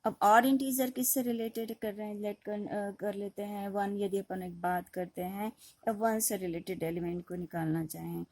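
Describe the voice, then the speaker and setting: A woman's voice: mid-range voice, fairly even intonation, moderate pace, a little mellow, no room sound, rough recording. A woman teaching a maths lecture, explaining step by step and asking questions she then answers herself. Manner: mixes in English terms, with fillers and restarts. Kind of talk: classroom lecture.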